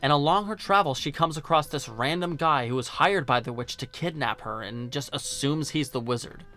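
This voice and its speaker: A man with a slightly high, bright, forceful voice narrates at a normal pace, hosting an opinionated film review in a casual video-essay style. He is blunt and sarcastic with occasional swearing, and music sits behind his voice.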